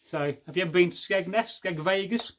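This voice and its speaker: Reading out viewer comments on his relaxed livestream, a man from England in his forties rambles and jokes, frequently losing track of what he was saying. His voice is a little higher than most men's, and he talks briskly.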